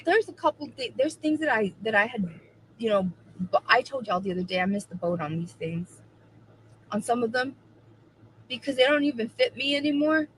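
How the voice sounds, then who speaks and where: A woman's voice: a little high, lively intonation, normal speed, slight background noise, rough recording. A woman in her forties chatting casually on a livestream, emphatic and repeating her points for effect. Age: 40s. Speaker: co-host of a livestream.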